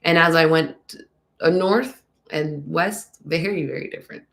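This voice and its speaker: A woman's voice: low voice, a little slow, creaky, a bit bright. A young woman from Texas with a slight lisp, congested, chatting casually and rambling as she answers fan questions in a live Q&A. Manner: chatty, rambling, many ums.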